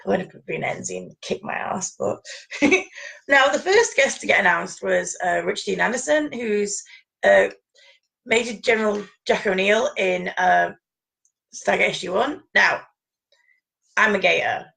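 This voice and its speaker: A woman co-hosting a casual chat, rambling and chatty with frequent laughs and a gravelly voice. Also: medium pitch, moderate pace, fairly bright tone. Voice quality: gravelly, creaky voice. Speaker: podcast co-host. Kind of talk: casual chat about fan conventions.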